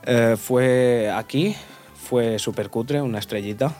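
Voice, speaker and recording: A man in his twenties from Portugal, a podcast guest chatting casually and relaxed, laughing often and trailing off softly. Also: mid-range voice, slow, soft background music. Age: 20s. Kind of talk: casual chat.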